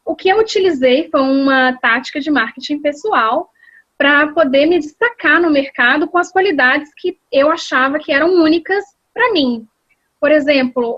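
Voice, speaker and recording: Over a video call, a Brazilian executive secretary who also teaches English responds to interview questions with care, often restarting and using fillers. Her high voice is a bit bright, the sound lo-fi and free of room sound.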